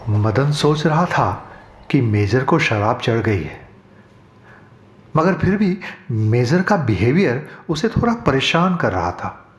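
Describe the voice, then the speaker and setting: Slow, dramatic male horror narrator. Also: mid-range voice, big pitch swings. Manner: measured, dramatic storytelling. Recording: roomy echo.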